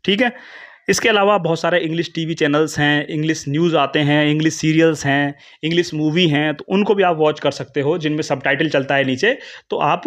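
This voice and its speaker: A man with an Indian English accent teaching an English grammar lesson in Hindi, explaining step by step and reading English definitions slowly. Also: on the high side, fairly bright tone. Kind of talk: classroom lecture in Hindi mixing English terms.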